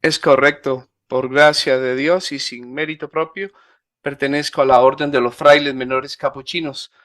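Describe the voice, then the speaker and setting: Formal friar speaking dry and close. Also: male voice, mid-range voice, steady tone, moderate pace, fairly bright tone, dry recording. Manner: careful, formal, with hesitations. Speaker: Capuchin friar and priest, guest. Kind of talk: conversational interview answers.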